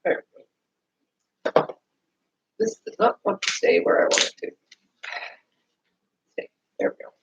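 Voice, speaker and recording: Coming down with a cold, this sniffly streamer and writer chats casually over gift-wrapping at home, apologizing and rambling both to the audience and to themself. The noisy home recording sounds muffled, and the speech is a little slow, with frequent pauses.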